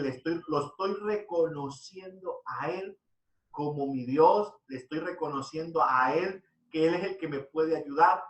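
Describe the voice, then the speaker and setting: A man's voice: fairly high pitch, a bit bright, reverberant, recorded from a distance, poor audio. A man preaching an earnest devotional sermon, his voice rising when he quotes scripture.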